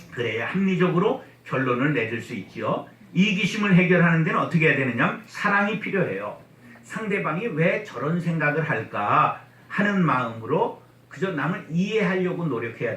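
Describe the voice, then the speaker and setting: Lively male preacher in an echoey church. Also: on the high side. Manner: playful, has the congregation repeat phrases, mimics slow provincial speech. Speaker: guest pastor at a revival meeting. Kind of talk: lively revival sermon with humor. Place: church sanctuary. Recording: echoey church hall, mic at a distance.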